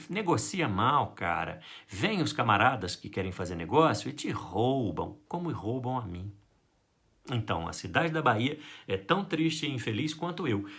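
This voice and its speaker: A man with a Brazilian Portuguese accent teaching a literature lesson to high school students, playful and animated, acting out quotes in a jumpy voice. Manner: lively, playful, acts out quotes with big pitch jumps. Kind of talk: recorded online class for high school.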